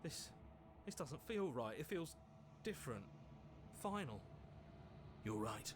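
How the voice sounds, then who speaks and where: A hero's anxious inner voice for a video game, worried and pleading, his pitch swinging widely from line to line. The game audio carries a clear layer of noise beneath him. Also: very animated, slow. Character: anxious male inner voice of the hero.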